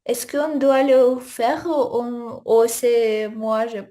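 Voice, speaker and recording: A woman's voice: fairly high pitch, slow pace, mellow. A woman studying French, asking questions hesitantly and searching for words on a video call. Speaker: language student.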